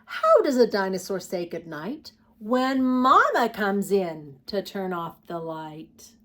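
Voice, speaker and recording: Slow, sing-song woman reading to young children. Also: mid-range voice, big pitch swings, fairly bright tone. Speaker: children's storytime host. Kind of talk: reading picture books aloud to young children.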